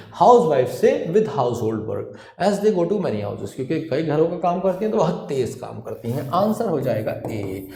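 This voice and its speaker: A man's voice: on the high side, dark tone. A man with an Indian accent teaching English grammar in an online exam-prep class, explaining with rhetorical questions. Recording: echoey room.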